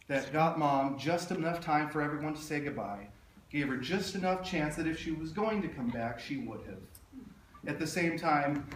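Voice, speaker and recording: Recorded in a roomy space from a distance, a man with a fairly high voice delivers a funeral eulogy. He speaks tenderly and haltingly, in measured phrases with pauses. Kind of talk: funeral eulogy, public speech. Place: echoey room, speaking to a gathering. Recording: roomy echo, distant mic, faint noise.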